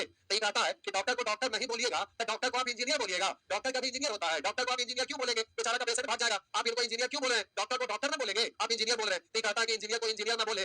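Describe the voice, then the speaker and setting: A man teaches a maths class. He talks very fast in a high, sharp, tense voice. He keeps repeating his points and calls his students dear ones. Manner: storytelling teacher, repetitive, addresses students as "pyare". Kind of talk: classroom lesson with a story.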